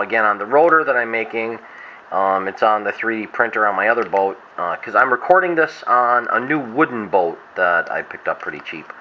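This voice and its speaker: A man's voice: on the low side, pushed and bright. A hungover man giving a casual, unscripted show-and-tell as a vlogger, rambling and trailing off mid-thought. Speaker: hobbyist vlogger. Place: inside a wooden boat. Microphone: camera glasses worn on the head. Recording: dull lo-fi sound with faint noise.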